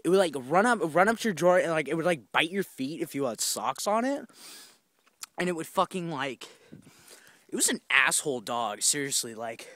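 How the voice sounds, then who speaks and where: A young vlogger walks a wooded trail, rambling through a profane story into a handheld phone camera, full of fillers and restarts. His voice is fairly high and a bit bright, with big pitch swings at a normal speed. The sound is clean and studio-like, with no echo.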